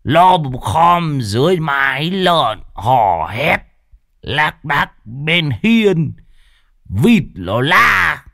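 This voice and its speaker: A man voicing a tipsy old ghost-hunting master who grumbles in a low, mumbling way. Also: big pitch swings, extremely slow, vocal fry, pushed and bright, no room sound, studio quality, full character voice. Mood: mock recital.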